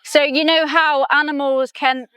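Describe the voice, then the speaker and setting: A woman's voice: sits high, flat delivery, a little slow, fairly bright tone. A woman explaining her position in a casual back-and-forth debate as an interviewer. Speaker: interviewer, vegan advocate.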